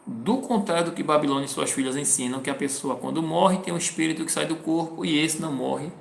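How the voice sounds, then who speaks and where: A man's voice: on the high side, brisk, creaky, reverberant. Man, Bible teaching, reads verses then explains, faint hum behind. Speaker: preacher. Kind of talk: Bible teaching with scripture reading.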